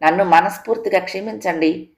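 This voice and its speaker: A grateful working man bows and thanks his patron in an audio story, deferential and effusive in his speech, as a woman narrator reads him. The voice is lowish and unforced. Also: brisk, natural voice. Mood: grateful humble. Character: humble male extras supplier, grateful and deferential.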